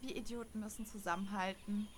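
A woman's voice: mid-range voice, steady tone, fairly quick, slight background noise, natural voice. A woman voicing a sarcastic, theatrical young woman who drawls her mocking lines.

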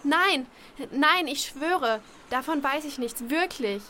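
A woman's voice: high voice, animated, takes it slowly, bright, forceful tone, a little hiss or hum, heavily acted. A woman playing a guilt-ridden young female contestant in an audio drama who stammers and apologizes.

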